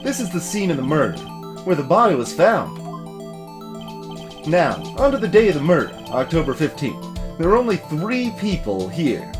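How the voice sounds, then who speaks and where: A man voicing a gruff, folksy, bumbling male police detective in a fan-voiced game playthrough, tagging his lines with "see?". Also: fairly high pitch, very animated, moderate pace, voice pushed up. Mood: explaining. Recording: music playing behind the voice.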